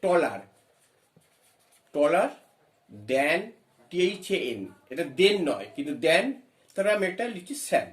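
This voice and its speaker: A man's voice: fairly high pitch, big pitch swings, roomy sound. A man teaching an English grammar lesson, explaining step by step, asking questions and spelling words letter by letter. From West Bengal. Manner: reads English phrases slowly.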